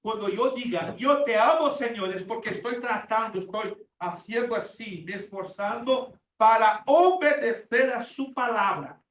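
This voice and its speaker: A man's voice: sits high, unhurried, hardly any pauses, a bit bright. Emphatic older man preaching, echoey room. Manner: emphatic, repeats words, acts out quoted prayers. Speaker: Bible teacher. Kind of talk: sermon-style Bible class. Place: church classroom. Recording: echoey room from far off with faint hiss.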